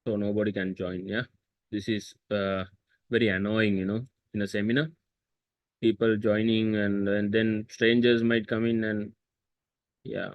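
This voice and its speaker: A man's voice: lowish voice, little pitch movement, unhurried, no room sound, highs cut off. A man teaching a history seminar over a video call, repeating key terms and quizzing students with chatty asides. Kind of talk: online seminar lesson. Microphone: computer mic on video call.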